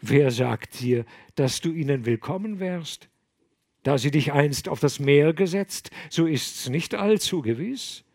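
A man voicing a gentle, kindly old abbot who speaks in a soft, low, soothing voice. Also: animated, a little slow, gravelly, no echo, clean studio sound, exaggerated voice. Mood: earnest.

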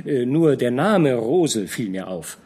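A man's voice: medium pitch, very animated, darkish tone, breathy edge. A man voicing an anxious, jealous young nobleman who stammers and hesitates. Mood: stammering. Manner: halting, stammering.

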